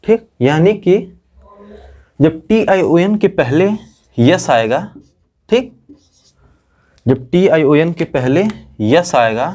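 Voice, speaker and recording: Teacher type, a man explaining pronunciation at a whiteboard, mellow tone, repetitive checking-in style. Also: on the high side, lively intonation, slow pace, long pauses. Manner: repeats "theek" as he explains, addressing students. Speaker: English grammar teacher. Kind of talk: classroom lesson at a whiteboard.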